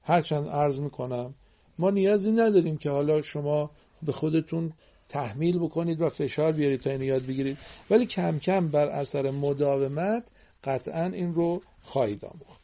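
Mellow-voiced man teaching Quran recitation. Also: a little high, highs cut off. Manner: praises pupils often, corrects pronunciation gently. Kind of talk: patient classroom instruction.

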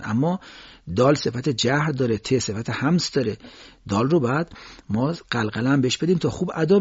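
Husky male tajweed teacher, Persian native, slows to demo sounds, dull lo-fi sound. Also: mid-range voice. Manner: demonstrates sounds by slow, drawn-out recitation. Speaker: Quran recitation teacher. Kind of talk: tajweed pronunciation lesson.

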